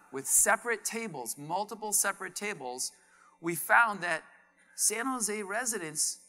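A middle-aged man speaks on a big conference stage through a headset mic. His voice is bright and sharp, and he tells a story with lively energy, acting out the dialogue. Faint music sits underneath. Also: high-pitched. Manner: animated, acts out quoted dialogue. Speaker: keynote speaker.

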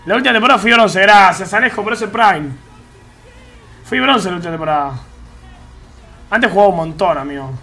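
Bright, high-voiced Argentine streamer guy. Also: expressive, brisk, gravelly, long pauses. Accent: Argentine Rioplatense Spanish. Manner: slangy, chatty, talks to chat while gaming. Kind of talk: casual live-stream chat. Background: faint game music.

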